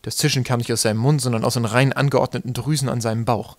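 A man reading an audiobook in calm, steady narration. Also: mid-range voice, fast talker, dry recording. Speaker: audiobook reader. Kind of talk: scripted narration.

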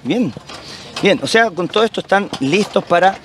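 A man's voice: high voice, lively intonation. A man in his thirties with a Chilean accent, roving reporter interviewing scouts on a handheld mic. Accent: Chilean Spanish. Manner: upbeat, affirming with quick "excelente". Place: outdoor camp and crowded tent stand. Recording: busy crowd noise behind.

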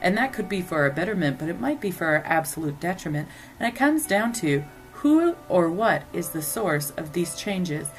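A woman's voice: on the low side, big pitch swings, moderate pace, few pauses, faint music behind, low-quality recording. A woman hosting a commentary show, talking in an earnest, speculative way. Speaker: host. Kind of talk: scripted commentary.

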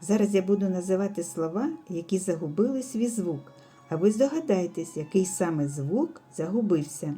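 A woman teaching a speech development lesson for young children, speaking slowly and clearly with careful enunciation. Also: on the low side, animated, warm tone, faint music behind. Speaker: preschool teacher.

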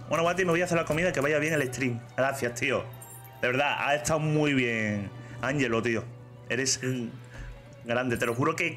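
A man's voice: medium pitch, fairly bright tone. A man with a Spanish accent chatting casually on a live stream, reading chat aloud and saying "tío" a lot.

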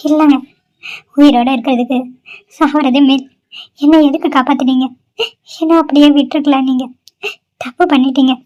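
Woman voicing a sorrowful young cartoon woman, high voice, dull lo-fi sound. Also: steady tone, moderate pace, pauses often, a little mellow, close to an everyday voice. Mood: despairing. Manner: sorrowful, despairing. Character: sad young woman mistreated at home. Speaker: cartoon character.

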